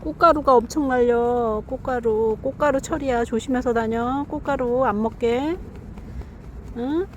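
A middle-aged woman outdoors, talking to stray cats in a coaxing, teasing baby-talk way with soft laughs. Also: a little high, a little slow, slight background noise. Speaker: cat feeder vlogger. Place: outdoors among grass.

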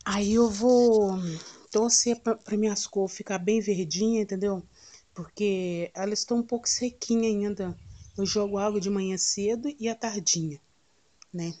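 A woman with a Brazilian Portuguese accent, vlogging casually outdoors at home on a handheld phone, tender and cooing, often dropping to a soft near-whisper. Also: mid-range voice. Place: outdoors at home in strong sun. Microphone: phone camera held while filming.

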